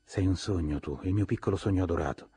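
A man's voice: sits low, fast talker, mellow, husky. A man voicing a flighty, doting young wealthy woman who speaks in a cooing, sing-song way.

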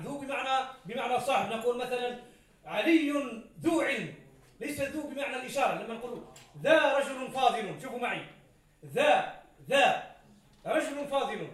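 A man lectures on grammar in a classroom. His voice sits high, and he fires off example after example and quizzes his students. He is recorded from across a very echoey room. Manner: explains with many examples and questions to students. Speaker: grammar teacher. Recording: roomy echo, from far off.

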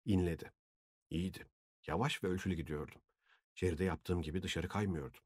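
A man reading a novel aloud as an audiobook narrator, in an even, unhurried way. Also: low voice, husky, dry recording, clean studio sound.

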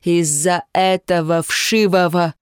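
A woman voicing a domineering, contemptuous mayor who rages at his daughter, speaking slowly and menacingly. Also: lowish voice, fairly even intonation, smooth, no echo, clean studio sound. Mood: furious contempt. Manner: slow, menacing, snarling through teeth. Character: domineering, contemptuous male mayor, a stern father.

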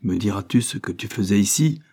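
A man voicing a gruff, commanding detective. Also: on the low side, lively intonation, fairly quick, dark tone. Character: tough male Japanese detective, commanding.

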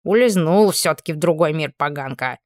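A woman voicing a grumpy, tiny, fur-covered old male house spirit who talks in a creaky, scolding way. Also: sits low, expressive, fairly quick, darkish tone, no echo. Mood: grumbling.

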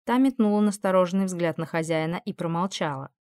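A woman narrating an audiobook in an even, measured storytelling voice. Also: on the low side, clear, resonant tone, no room sound, studio quality.

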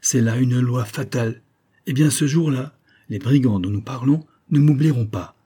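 A man's voice: medium pitch, moderate pace, dark tone, husky, lightly acted. A man reading an audiobook, voicing an imprisoned colonel who argues earnestly and presses his point. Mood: urgent.

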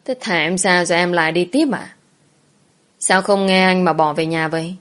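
A woman's voice: lowish voice, moderate pace, fairly bright tone, close to an everyday voice. A woman voicing an earnest young man who pleads with his girlfriend in a storybook tale. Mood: pleading.

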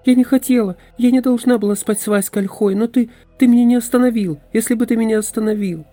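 A woman's voice: on the high side, fairly even intonation, quick pace, dark tone, dry recording, faint music behind, voice pushed up, natural voice. Aisarana, a man voicing a lovesick forest maiden. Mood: desperate. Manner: pleading, breathless, intense. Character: passionate young forest woman, lovesick.

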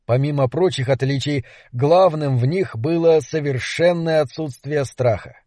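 A man's voice: a little high, measured pace, mellow, no echo. Man narrating an audiobook, dry close sound. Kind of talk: scripted narration.

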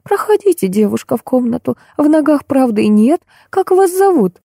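A woman voicing a frail, gentle elderly woman who speaks in a faint, rustling, trembling voice, tired and pleading. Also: high voice, big pitch swings, normal speed, gravelly, dry recording, studio quality, pitched above the performer's own voice, full character voice. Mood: weary. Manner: tired, pleading, soft-spoken. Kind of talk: audiobook character voice.

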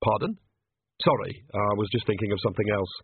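Guy reading a flat deadpan young woman, tinny line. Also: fairly low pitch, a little fast, slight background noise. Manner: dry and deadpan.

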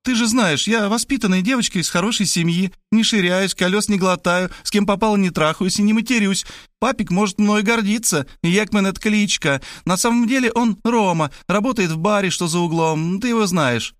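A man's voice: high voice, fairly quick, no room sound, clean studio sound, voice pushed up, natural voice. A man voicing a brash, pushy eighteen-year-old girl who chatters in slang and keeps insisting. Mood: excited chatter. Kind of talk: audiobook character voice.

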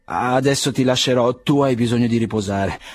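A man voicing a proud, ailing aristocrat nearly fifty, speaking in a measured, solemn, quiet way. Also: mid-range voice, no echo, studio quality, natural voice. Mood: gentle.

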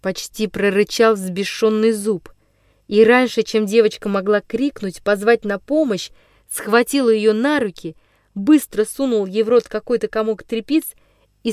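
A woman narrating a classic children's story as an audiobook, in a measured, dramatic storytelling manner. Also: medium pitch, a little mellow, no echo, studio quality.

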